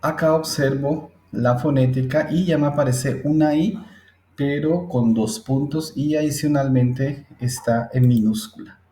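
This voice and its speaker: Slow, patient male teacher, echoey room. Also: medium pitch, fairly even intonation, dark tone. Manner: patient, step-by-step, checks in with listeners often. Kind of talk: screen-recorded English phonetics lesson. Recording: roomy echo.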